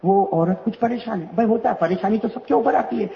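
A male preacher giving a storytelling sermon, animated and rhetorical, calling on the audience to answer back. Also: high voice, gravelly, lo-fi sound, slight background noise.

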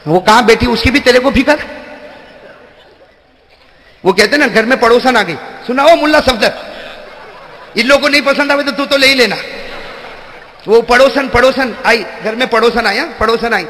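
Male preacher, very high and piercing, shouts and quizzes the crowd, long hall echo. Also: pauses often. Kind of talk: sermon.

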